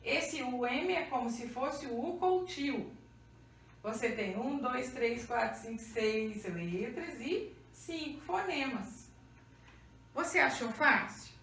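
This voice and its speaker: A woman's voice: a little high, fairly bright tone. A Brazilian woman teaching a Portuguese grammar lesson. She checks often that the class follows and counts letters out one by one. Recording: roomy echo, mic far off, faint hum.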